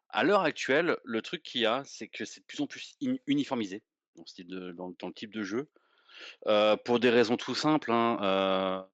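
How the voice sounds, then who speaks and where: A man's voice: medium pitch, a bit bright, dry recording, lo-fi sound. A man co-hosting a casual football chat, rambling and hesitant with many fillers and repeated words, heard over a remote call. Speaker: podcast co-host.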